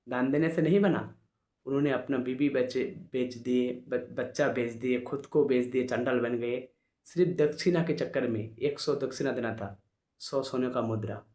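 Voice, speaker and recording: A man's voice: mid-range voice, fairly even intonation, normal speed, a little mellow. A man telling a devotional story sermon in a conversational way, acting out the dialogue. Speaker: religious storyteller. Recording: roomy echo.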